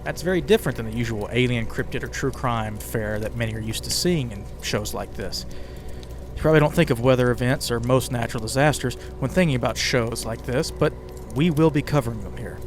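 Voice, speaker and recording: A man who writes and hosts a podcast delivers conversational scripted narration, dropping casual asides to the listener. His medium-pitched voice is brisk, over an ambient music bed with crackling fire.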